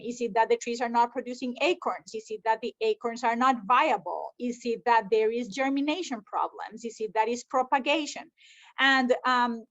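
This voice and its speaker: A woman's voice: a little high, muffled recording. A woman from Rica, a conservation scientist answering interview questions earnestly, with frequent ums. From Costa Rica.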